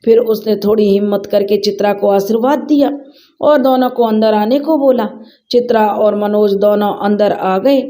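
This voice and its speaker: A woman's voice: mid-range voice, normal speed, warm tone. Woman narrating a family drama story.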